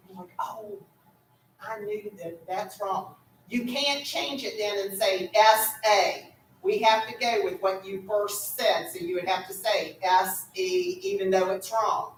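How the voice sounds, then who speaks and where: A woman's voice: mid-range voice, a bit bright. A woman acting as pronouncer at a school spelling bee, patiently giving the rules and calling each word, often checking with "okay?". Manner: patient, instructive, repeats "okay?". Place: school room. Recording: echoey room from far off, faint noise.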